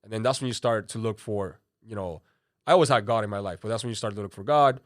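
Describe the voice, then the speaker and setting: A Cuban-born man in his thirties talks casually as a podcast guest, his voice sitting a little low. He rambles, leaning on "you know" and "like", and the sound is close and dry with no room echo. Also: fast talker. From Cuba. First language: Spanish. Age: 30s. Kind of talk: casual interview talk.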